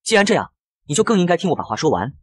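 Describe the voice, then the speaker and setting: A man's voice: fairly high pitch, big pitch swings, rapid-fire, husky, dry recording, clean studio sound. Man voicing a scheming rich young charmer. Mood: pleading. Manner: coaxing, pleading, softly persuasive.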